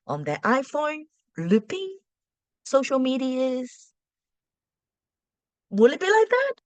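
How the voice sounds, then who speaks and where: A woman teacher, Cantonese being her first language, advises parents in a chatty, informal way full of rhetorical questions and restarts. Her high voice swoops wildly in pitch, she talks slowly, and the recording is dry.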